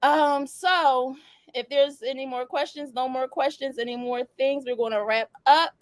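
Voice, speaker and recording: A woman's voice: sits high, steady tone, unhurried, dry recording. A woman hosting a casual talk show, slangy and loose, laughing often. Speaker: podcast host. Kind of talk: casual chat.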